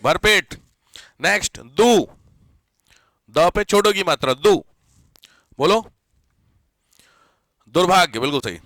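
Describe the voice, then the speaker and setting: High, bright-voiced man teaching grammar. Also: expressive, dry recording. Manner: keeps checking if students follow, mixes English words into Hindi; repeats key words slowly for dictation. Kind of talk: live classroom lesson.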